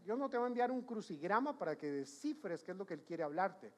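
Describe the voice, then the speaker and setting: A man's voice: high voice, very animated, brisk. A man preaching a sermon as pastor, emphatic, repeating his points and questioning the congregation.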